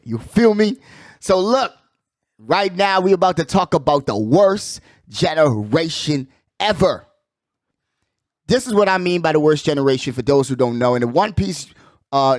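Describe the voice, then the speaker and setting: Recorded dry and at studio quality, a man with a fairly high voice hosts a sports show. His commentary is loose and slangy, full of hype, with phrases repeated for emphasis and regular check-ins with listeners.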